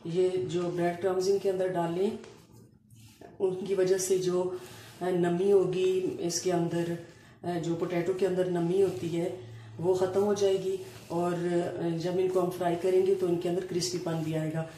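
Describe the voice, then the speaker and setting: A woman explaining a home cooking recipe step by step, pausing often as she works in a kitchen. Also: fairly low pitch. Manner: calm step-by-step explaining with frequent hesitations. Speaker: cooking channel host. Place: home kitchen counter, indoors. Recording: echoey room with faint ambient noise.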